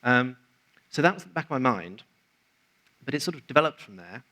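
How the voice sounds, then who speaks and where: A man's voice: medium pitch, sing-song, fairly quick, bright, forceful tone, rough recording. A man giving a conversational, explanatory presentation at a conference, acting out quoted remarks along the way. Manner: conversational, explanatory, quotes others in acted asides. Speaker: conference speaker. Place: conference venue.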